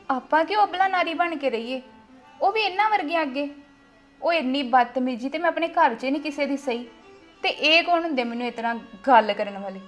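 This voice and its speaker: A defiant young wife, played by a woman, lectures the family firmly. Her voice is high and assertive. Faint music plays under the homemade drama.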